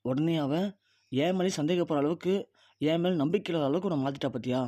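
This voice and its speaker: A man's voice: a little high, fairly quick, warm tone, dry recording, clean studio sound, natural voice. A man reading a scheming accusing older sister. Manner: insistent, accusing. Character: scheming woman, an elder sister who accuses.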